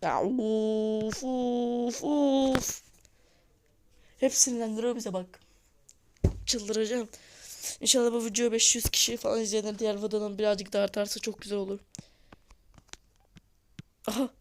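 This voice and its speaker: A woman giving casual gameplay commentary on a mobile football match, excitable and scolding her players, her voice sounding a little hoarse. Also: mid-range voice, brisk, pauses often, a little hiss or hum.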